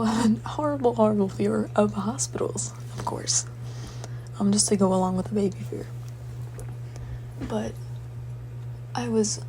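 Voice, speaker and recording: A young woman casually recounting a dream in a halting, searching way, her voice breathy and slipping toward a whisper. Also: mid-range voice, a little mellow, slight background noise, low-quality recording. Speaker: dream diarist.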